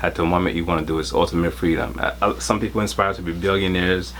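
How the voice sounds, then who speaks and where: Very deep-voiced man from Haiti, earnest. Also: fairly even intonation, quick pace, fairly bright tone, slight background noise. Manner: earnest, repeats key phrases. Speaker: interview guest, entrepreneur. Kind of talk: casual interview.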